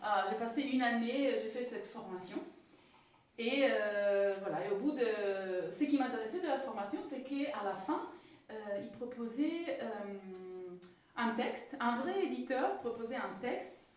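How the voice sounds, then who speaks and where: Her voice on the high side and animated, this Italian-accented woman from Italy talks a little slowly as an author-illustrator, hesitating, restarting, and leaning on fillers in a casual way. The setting is a community hall with an audience, captured distantly amid echo.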